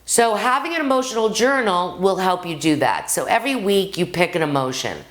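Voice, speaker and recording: A woman's voice: mid-range voice, a little fast. A middle-aged woman acting coach teaching straight to the camera, talking to her viewers as "guys" and acting out stories from her own life. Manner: lively, addresses viewers as "guys", acts out anecdotes. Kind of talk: direct-to-camera acting lesson.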